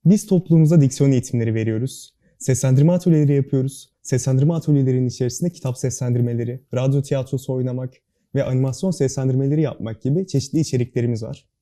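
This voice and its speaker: A young man with a very dark, mellow voice, rattling off earnest interview answers at a brisk pace. His diction is careful and precise, and his manner stays formal and serious throughout. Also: medium pitch. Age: young adult. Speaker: student club board member, guest.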